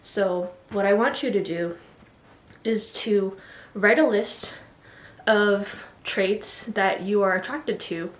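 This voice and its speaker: A woman's voice: medium pitch, slow pace. Woman, casual vlog chat, rambling, lots of fillers, slightly breathless, roomy echo. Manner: rambling, chatty, many "like" fillers, apologetic asides. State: a bit out of breath. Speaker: vlogger giving self-love advice. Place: indoor room, standing before the camera.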